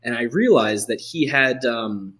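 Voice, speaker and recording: A man of middle pitch hosting a relaxed podcast chat. He rambles and restarts, and fills his talk with "like" and "you know". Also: measured pace. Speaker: podcast host. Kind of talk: casual podcast conversation.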